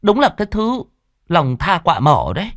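A man's voice: on the high side, wildly swooping pitch, normal speed, dry recording, voice pushed up. A village woman gossips with open scorn in a raised voice, as a male narrator puts her on. She speaks, and the sound is close and dry. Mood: scornful.

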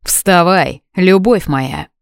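A woman's voice: fairly low pitch, slow, smooth, dry recording, clean studio sound. A woman voicing an arrogant young king who gives clipped, domineering orders in an audiobook reading. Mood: commanding.

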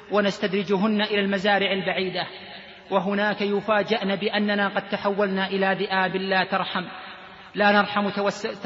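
A man's voice: high-pitched, fairly bright tone. A man preaching a sermon, emotionally retelling a young man's story of repentance in the first person. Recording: echoey hall, dull lo-fi sound.

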